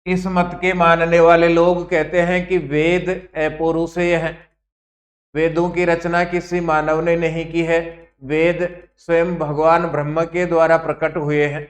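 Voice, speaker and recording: Male lecturer, exam-prep class, high-ish monotone, deliberate word-by-word repetition. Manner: slow, repeats key terms word by word for dictation. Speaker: Sanskrit teacher.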